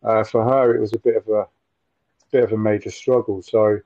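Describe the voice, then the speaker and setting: Forties man, low-pitched, faltering delivery, muffled dry call audio. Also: flat delivery, mellow, no room sound. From Nottingham, England. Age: 40s. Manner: halting, repeats words, frequent fillers. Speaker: interview guest. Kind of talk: casual storytelling interview. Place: room at home with window blinds. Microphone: video call.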